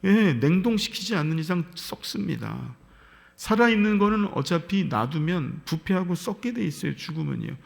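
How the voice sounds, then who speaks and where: Korean pastor with a gravelly voice in a reverberant church. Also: male voice, high-pitched, lively intonation, normal speed. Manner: earnest, acts out God's and a mother's words in small quoted voices. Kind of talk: early-morning prayer sermon. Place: church sanctuary. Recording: livestreamed sermon with long hall reverb.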